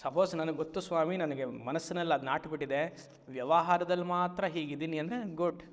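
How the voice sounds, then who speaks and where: A man, a spiritual teacher giving a Vedanta discourse, who stretches key phrases slowly and keeps asking his listeners rhetorical questions. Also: a little high, big-room sound. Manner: slow, drawn-out emphatic phrases and frequent rhetorical questions.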